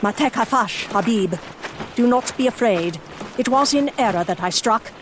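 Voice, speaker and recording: A woman playing a brisk, commanding Victorian lady Egyptologist who narrates and speaks in crisp, formal sentences, in a full-cast audio drama. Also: on the high side, animated, slight background noise, lightly acted. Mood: coaxing. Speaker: narrator and lead character.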